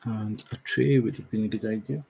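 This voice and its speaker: A middle-aged Scottish man with a Scottish accent hosts a diamond painting livestream, chatting with viewers in a relaxed, unhurried way. His voice is fairly low and gravelly, and the low-quality recording has slight background noise.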